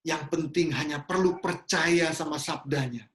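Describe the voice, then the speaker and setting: A man's voice: a little high, measured pace, fairly bright tone. A man preaching a sermon in an earnest way, often dropping English phrases into his talk. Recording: roomy echo.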